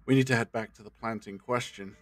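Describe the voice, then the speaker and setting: A man's voice: mid-range voice, steady tone, fairly quick, faint music behind, natural voice. A man playing a brainy, earnest time-travelling adventurer in an audio drama, with a theatrical manner. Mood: urgent.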